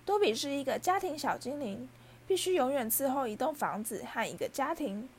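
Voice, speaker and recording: A shrill, high little male house-elf, servile and easily brought to tears, as a woman reading the story puts him on. He squeaks out humble replies at a high pitch and keeps addressing his listener as sir. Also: expressive, moderate pace, slight background noise. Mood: anxious.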